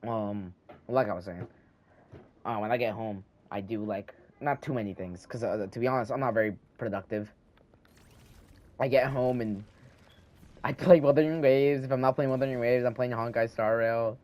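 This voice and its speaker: With a slight lisp, a teenage boy chats aimlessly over his gameplay for his gaming channel, thinking aloud and restarting often. He speaks at a normal speed into a handheld microphone at home, in a medium, fairly even and slightly mellow voice.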